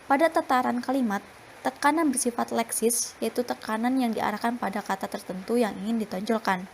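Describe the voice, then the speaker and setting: A young woman presenting a university phonetics class talk, reading her slides in a steady, explanatory way. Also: a little high, a little fast, creaky, a little hiss or hum. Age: young adult. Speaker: student presenter.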